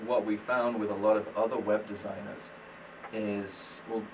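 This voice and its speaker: A British business owner, guesting on a radio talk show, explains his work in a friendly, self-deprecating manner. His voice sits on the low side with little pitch movement, normal speed and vocal fry, and he's recorded from a distance amid background noise.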